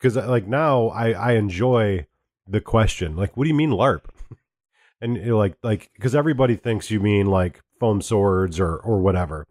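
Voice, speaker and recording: A man's voice: lowish voice, normal speed, darkish tone, no room sound, clean studio sound. A man co-hosting a casual podcast, rambling with fillers and restarts. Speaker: podcast co-host.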